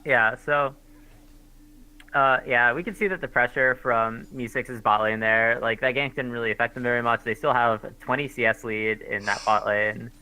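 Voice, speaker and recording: A man gives color commentary on a live esports match in a very bright, sharp voice. His delivery is casual and hesitant, full of fillers as he works through his thoughts. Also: mid-range voice, steady tone, normal speed, smooth, rough recording.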